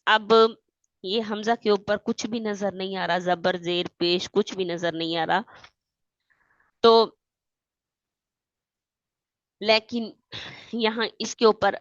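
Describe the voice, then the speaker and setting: A woman teaching Quran reading, spelling out letters and vowel marks and then reciting the verses slowly. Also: medium pitch, steady tone, no echo, lo-fi sound. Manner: patient, keeps checking in with "theek hai". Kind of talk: step-by-step recitation lesson.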